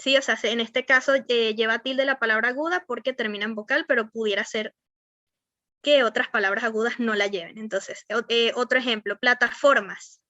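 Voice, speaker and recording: A woman's voice: fairly high pitch, fairly even intonation, fairly quick, sharp tone, no room sound, dull audio. A young woman teacher with a Venezuelan accent, rambling through an online class with many fillers and frequent check-ins with her students. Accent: Venezuelan Spanish. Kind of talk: online class on verbal skills.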